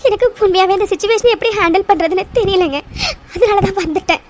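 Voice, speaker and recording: Very high, tearful young wife. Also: female voice, fast, slight background noise. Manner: tearful, soft and respectful pleading. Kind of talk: cartoon serial dialogue.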